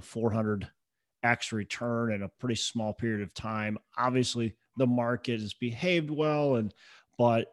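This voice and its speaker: A man's voice: lowish voice, no room sound, studio quality. A man hosting a podcast interview, talking casually with many fillers. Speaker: podcast host.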